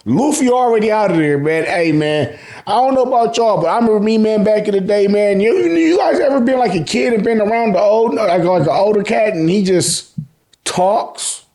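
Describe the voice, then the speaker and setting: A high-pitched American man speaks at a moderate pace while hosting his anime and manga review channel. The recap is casual and joking, heavy on slang and swearing, and he animatedly acts out dialogue.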